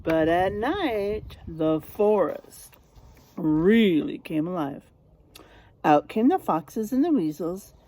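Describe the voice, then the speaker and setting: In a slow, fairly low voice, a woman reads a picture book to kids with expressive, teacher-like flair, stopping to quiz them and stressing dramatic story words. There's a faint hiss or hum in the audio.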